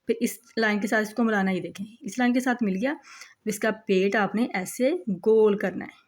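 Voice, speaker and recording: Patient woman teaching letters step by step. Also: mid-range voice. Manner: patient, repeats "look" while showing each step.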